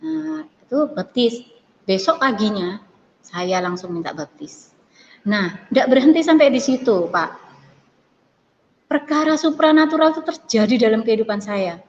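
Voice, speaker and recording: A woman giving an earnest, animated personal testimony in an interview, often restarting her sentences. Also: fairly high pitch, a little slow, long pauses. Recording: dull lo-fi sound with long reverb and faint noise.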